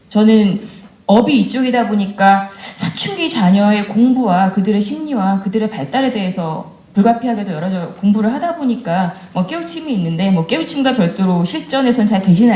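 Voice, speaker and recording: A woman's voice: mid-range voice, mellow. A woman in her forties giving a candid, conversational talk to mothers and asking them questions. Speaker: education speaker addressing mothers. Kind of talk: lecture to parents. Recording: roomy echo of a lecture hall.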